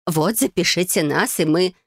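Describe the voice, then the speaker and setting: A woman voicing a kind, motherly wife who talks a little higher and brighter. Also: normal speed, breathy edge, no room sound, studio quality. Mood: pleading.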